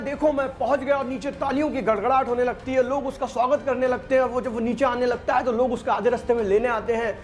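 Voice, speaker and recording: A man telling a motivational story and addressing listeners as friends. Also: extremely high pitch. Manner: addresses listeners as friends, voices villagers in quotes.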